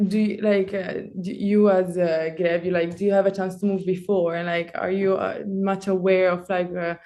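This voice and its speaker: A woman's voice: on the low side, little pitch movement, mellow. Rambling young woman asking a question. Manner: rambling, fast, many likes and fillers. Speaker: audience member asking a question. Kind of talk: question from the floor.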